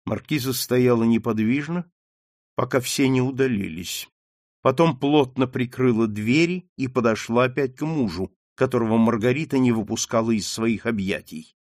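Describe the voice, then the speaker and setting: A man narrating a classic novel as an audiobook in an even, measured reading. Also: mid-range voice, no room sound, studio quality. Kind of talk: scripted narration.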